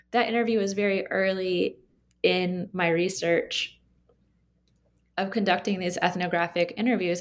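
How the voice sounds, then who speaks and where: A woman author answering interview questions about her research, explaining in a measured way with occasional ums. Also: on the low side.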